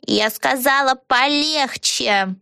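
A woman's voice: high voice, slow, creaky, sharp tone, smooth, dry recording, studio quality, pitched above the performer's own voice, exaggerated voice. A woman reading a storybook aloud and voicing a grumpy, cranky old witch. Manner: grumbling, cranky.

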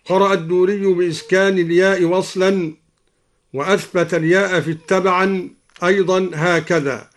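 A man with a somewhat high voice gives a formal lesson from a radio studio. His explanations are measured and careful. Each example is chanted slowly and melodically. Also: fairly even intonation. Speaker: Quran reading teacher on radio.

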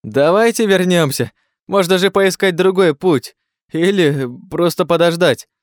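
A man voicing Klazen, a cowardly, easily frightened man who yelps and pleads in a shrill, panicky voice. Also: measured pace, smooth, no room sound, studio quality. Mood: panicky, pleading. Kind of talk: audiobook character voice.

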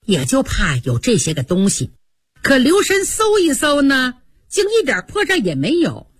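A woman voicing a loyal, quick-witted young maid who talks fast and chides sharply, with a husky voice. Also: sits high, wildly swooping pitch, no echo, studio quality, pitched above the performer's own voice, heavily acted. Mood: sly. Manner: quick, chiding, clever.

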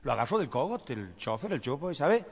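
A man's voice: mid-range voice, big pitch swings, a little fast, slightly rough. A man with an Argentine Spanish accent telling jokes, acting out the characters in funny voices and laughing along with them. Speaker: comedian. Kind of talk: stand-up joke telling. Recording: audience noise behind the voice. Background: crowd.

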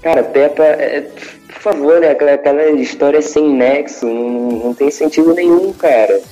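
Brazilian podcast guy, dark mellow voice, bluntly trashes stuff. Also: a little high, steady tone, normal speed, soft background music, low-quality recording. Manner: blunt, dismissive opinions. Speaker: podcast co-host. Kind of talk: casual chat.

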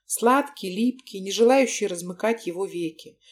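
Audiobook narrator, woman, mid-pitched, expressive scripted reading. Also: moderate pace.

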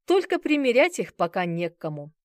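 A woman's voice: mid-range voice, very animated, fairly quick, no room sound, studio quality, voice pushed up, natural voice. A woman reading the part of a joking, reassuring male police friend in an audiobook. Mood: bantering.

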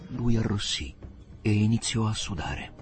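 A man reading a novel aloud, telling the story expressively. His voice is low-pitched but moves with lively rises and falls. Faint music sits softly behind him. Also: unhurried. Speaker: reader.

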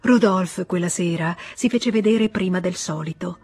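A woman reading a classic novel aloud in a measured, expressive literary narration. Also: fairly low pitch, slightly rough. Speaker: audiobook narrator. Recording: faint music bed.

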